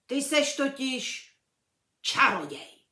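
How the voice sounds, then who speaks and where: A woman reading a children's book aloud, voicing a huge, blunt male gamekeeper in loud, folksy speech. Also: high-pitched, big pitch swings, roomy sound, pitched above the performer's own voice, heavily acted. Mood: hearty.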